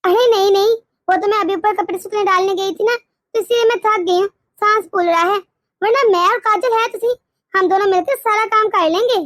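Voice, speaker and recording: A bossy, tired mother-in-law grumbles and scolds in this cartoon story, voiced by a woman. The voice sits very high and sounds dry and close. She nags in a controlling way. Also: steady tone, brisk, fairly bright tone, no room sound. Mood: grumbling. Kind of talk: cartoon voice acting.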